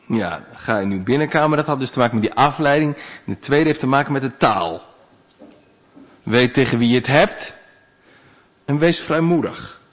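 A male pastor giving a sermon in a conversational, animated way, with big swings in pitch. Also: moderate pace, long pauses.

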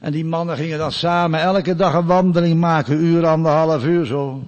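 A man preaching a sermon, growing loud and emphatic when he recites scripture and dropping to quiet storytelling asides. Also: fairly high pitch, fairly even intonation, normal speed, in a large hall.

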